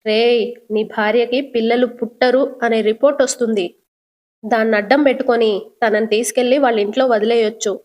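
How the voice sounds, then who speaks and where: A woman's voice: a little high, steady tone, brisk, a little mellow, close to an everyday voice. A woman voicing a smug, manipulative middle-aged father who speaks in a coaxing, sly way. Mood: scheming.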